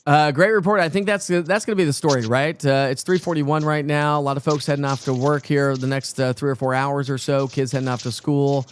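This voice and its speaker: A man's voice: medium pitch, fairly even intonation, a little fast, hardly any pauses, a little hiss or hum. A man presenting live severe weather coverage off the cuff, talking informally and directly to viewers.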